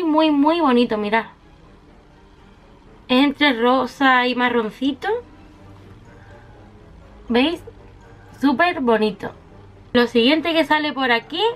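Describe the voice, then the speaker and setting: A high-voiced woman, a beauty vlogger, shows off a makeup haul item by item, chatty and affectionate and heaping on little diminutives. Soft, faint music plays in the background.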